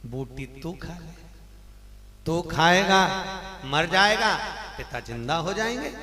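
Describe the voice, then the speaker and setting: Sly old guru, as a preacher puts him on. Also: male voice, fairly high pitch, lively intonation, slow pace, bright, forceful tone, full character voice. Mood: sly, hushed. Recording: echoey hall with music.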